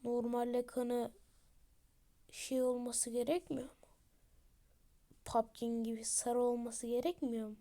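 A woman's voice: fairly high pitch, flat delivery, slow, pauses often, mellow. A woman doing grumbling immortal warrior guy. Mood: puzzled. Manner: grumbling, complaining.

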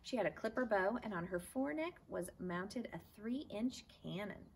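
Outdoors in a backyard garden, a teacher reads a children's chapter book aloud with expression, her mid-range voice animated and her pace moderate. The camera sits a few feet away and picks up faint outdoor background noise.

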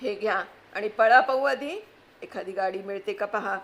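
A woman voicing a bossy middle-aged wife who scolds and commands her husband in a sharp manner, read from a storybook. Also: medium pitch, moderate pace, lightly acted. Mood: scolding. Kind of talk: storybook reading.

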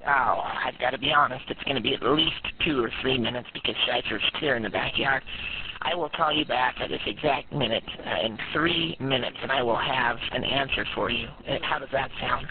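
A man's voice: medium pitch, normal speed. A man playing a doting elderly grandmother who rambles and calls people dear, heard over a phone line. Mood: sugary. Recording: tinny noisy phone line.

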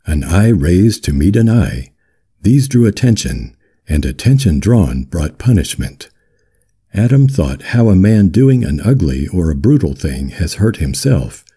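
A man with a deep, firm, very husky voice reads a novel aloud. His delivery is calm, yet his pitch moves in a lively way through the narration. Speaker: audiobook reader. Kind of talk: audiobook narration of a literary novel.

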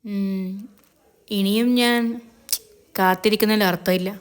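A woman's voice: mid-range voice, steady tone, a little slow, clear, resonant tone, lightly acted. A woman voicing a young male office boss who talks earnestly and pleadingly to the woman he loves.

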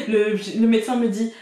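A woman's voice: on the high side, dark tone. Woman vlogger, colloquial and laughing storyteller, recorded at a distance in a reverberant room. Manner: chatty, colloquial, laughs often. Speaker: card reader and vlogger. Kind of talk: casual storytelling to camera. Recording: very echoey room, far from the mic.

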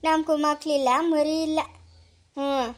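A woman's voice: high-pitched, level tone, measured pace, a little mellow. A woman playing a lonely, widowed old grandmother who lives in a forest hut. She talks tenderly and coaxingly, soothing the same words over and over. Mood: lamenting. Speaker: actor in family short drama. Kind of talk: amateur family drama acting.

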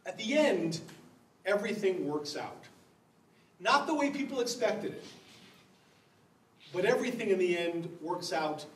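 High-voiced pastor lecturing in a roomy hall. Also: male voice. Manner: wry and humorous, chuckling at the text. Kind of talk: lecture on the Bible. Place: church hall. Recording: roomy, from a distance, faint background hum.

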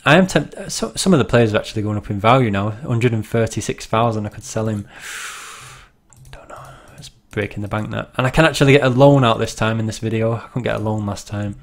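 A man's voice: on the low side, a little fast. A young man, casually commenting on a management game, rambling and laughing at himself. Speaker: gaming channel host.

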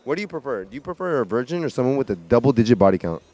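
A man's voice: medium pitch, sing-song, very fast, a little mellow, soft background music. A man doing playful street interviews at night, a little drunk and slurring, teasing people with questions. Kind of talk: street interview, vox pop.

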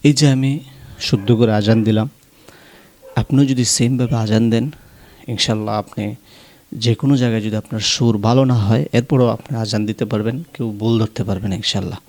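A man with a Bangladeshi Bengali accent giving a pronunciation lesson, explaining calmly and then chanting long, drawn-out sung phrases. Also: fairly low pitch. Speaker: azan teacher.

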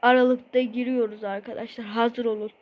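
A woman telling an improvised story in a chatty, drawn-out way, full of fillers. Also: a little high, flat delivery, muffled recording. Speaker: channel host playing out a toy story.

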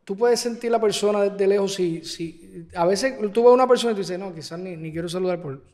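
A man's voice: sits high, brisk, darkish tone, big-room sound. A man hosting a podcast, chatty and rambling, often restarting his sentences. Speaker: podcast host. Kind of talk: casual podcast conversation.

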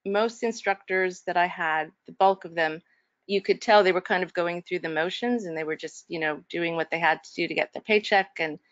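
A woman's voice: medium pitch, fairly bright tone, dry recording, muffled recording. A woman instructor speaking earnestly and reflectively in an online faculty workshop, with frequent fillers and restarts. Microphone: video call.

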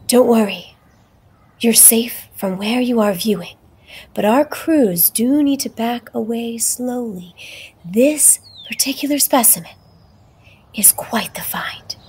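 A very breathy, airy woman narrates in a mock nature-documentary style, her voice sitting a little high. She speaks slowly, in a hushed half-whisper, solemn and dramatic throughout.

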